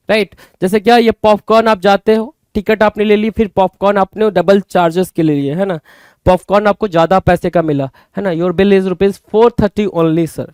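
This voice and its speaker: A man's voice: high-pitched, clean tone, no room sound. Man, vocabulary teacher, repeats himself with questions, dry close recording. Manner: repeats words with rhetorical questions to the viewer. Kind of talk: exam-prep vocabulary lesson.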